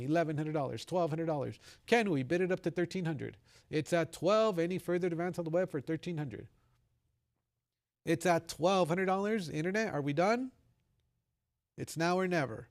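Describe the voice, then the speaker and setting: Casting: man, auctioneer, slightly high voice with strong creak, steady formulaic bid-calling delivery. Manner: auctioneer's repetitive formulaic chant of prices and bid calls. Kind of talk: live auction calling, brisk running bid patter.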